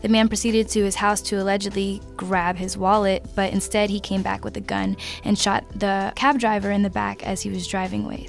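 A woman's voice: mid-range voice, vocal fry. A teenage girl co-hosting a youth radio show in a studio, reading a prepared story and then discussing it earnestly. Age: teens. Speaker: student co-host. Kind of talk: scripted news segment and discussion.

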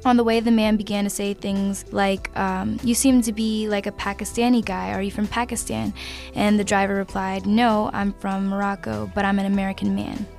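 A woman's voice: mid-range voice, level tone, normal speed, gravelly, a little mellow, faint music behind. A teenage girl co-hosting a youth radio show in a studio, reading a prepared story and then discussing it earnestly. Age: teens. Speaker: student co-host. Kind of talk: scripted news segment and discussion.

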